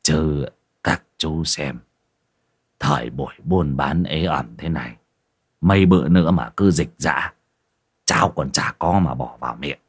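A man doing a gruff grumbling pub owner. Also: rumbling low, a little slow, pauses often, pitched below the performer's own voice, full character voice. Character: gruff middle-aged male village pub owner.

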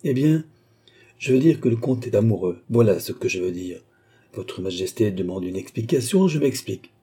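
A man's voice: on the low side, lively intonation, moderate pace, mellow, breathy edge. A man voicing a blunt, unyielding court doctor in an audiobook reading, speaking sternly and frankly.

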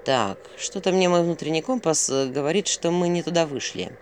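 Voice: mid-range voice, a little fast, a little hiss or hum, natural voice. A reader voicing a grumpy male talking owl from a fairy tale, gloomy and wary, muttering crude remarks. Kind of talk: audiobook character voice.

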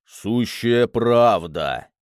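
A man voicing a burly bearded blacksmith who speaks loudly and slowly in anger. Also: medium pitch, animated, clean tone, no echo, studio quality. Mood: angry. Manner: angry, slow, loud.

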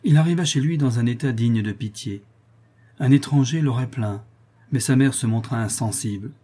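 An audiobook narrator reads a classic novel in a steady, measured way, his medium-pitched voice slightly rough.

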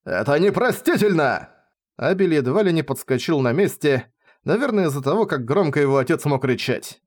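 A man narrating a fantasy novel as an audiobook reading, in lively first-person storytelling. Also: fairly high pitch, a little fast.

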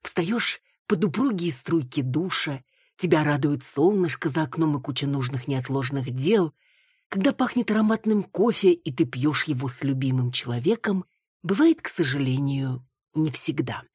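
A woman narrating an audiobook in an even, measured reading. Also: deep voice, husky, no room sound, clean studio sound.

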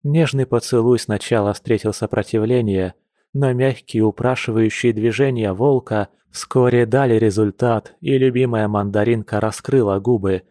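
Low mellow male audiobook narrator. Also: no echo, studio quality. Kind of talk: scripted narration of a romance novel.

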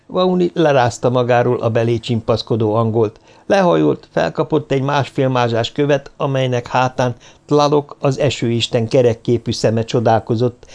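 A man reading an audiobook in an even, steady narration. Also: medium pitch.

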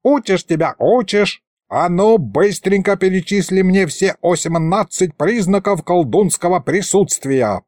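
A man's voice: a little high, big pitch swings, measured pace, a little mellow, dry recording, clean studio sound. A man voicing a grumpy, quarrelsome old male ghost wizard who scolds and uses folksy old sayings. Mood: cranky.

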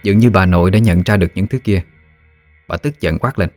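A man narrating a ghost story in a steady, even reading voice. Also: low-pitched, brisk, faint music behind.

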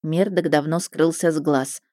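A woman narrating a first-person story in a lively, expressive way. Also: low-pitched, measured pace, no room sound, clean studio sound. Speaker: audiobook narrator.

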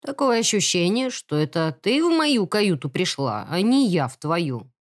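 A woman's voice: on the low side, sing-song, a little slow, dry recording, clean studio sound. A woman reading an audiobook, voicing a cocky, pushy young man who talks with a smug drawl that turns aggressive.

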